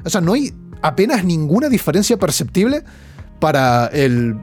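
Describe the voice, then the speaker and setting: Podcast host: young Spanish man, Spain Spanish accent, slangy and animated, with a voice a bit on the high side. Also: normal speed, soft background music. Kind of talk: casual news chat.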